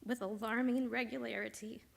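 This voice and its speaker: A middle-aged woman reads her own essay to a synagogue congregation. Her delivery is quiet and measured, sinking at times almost to a whisper. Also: fairly high pitch, fairly even intonation, creaky. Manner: quiet, measured reading that drops to near whispers. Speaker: congregation member and teacher. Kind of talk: reading a personal essay aloud. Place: synagogue sanctuary.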